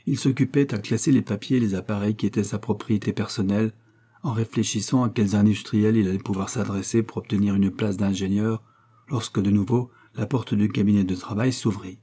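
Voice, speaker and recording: A man narrating a novel as an audiobook in a measured storytelling voice. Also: lowish voice, steady tone, dark tone, husky.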